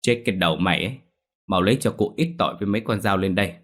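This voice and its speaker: A man's voice: deep voice, racing, fairly bright tone. A man voicing a fierce old village exorcist who scolds and gives orders in a ghost story. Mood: stern. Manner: scolding, commanding.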